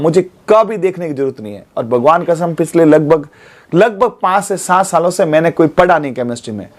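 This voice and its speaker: Male coaching teacher in his forties, light high voice, coaxing classroom manner, studio lesson. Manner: coaxing, keeps checking with students. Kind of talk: exam coaching class lecture.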